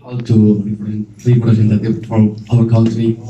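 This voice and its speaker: A young man from Indonesia, a pageant contestant, answering at a press conference in plain, halting English in a hotel function room. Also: fairly low pitch, monotone, warm tone, dull audio, a little hiss or hum. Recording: roomy, distant sound.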